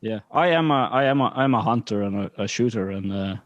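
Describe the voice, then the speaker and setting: A Norwegian man in his late twenties, a guest in a casual chat, blunt and quick to laugh. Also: fairly low pitch, no echo, dull audio. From Norway. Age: 20s.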